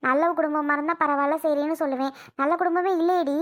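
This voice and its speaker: A woman's voice: sits high, fairly even intonation, fast talker, fairly bright tone. A woman playing a scolding, stubborn village mother. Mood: demanding. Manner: scolding, demanding, bossy. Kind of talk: family drama skit.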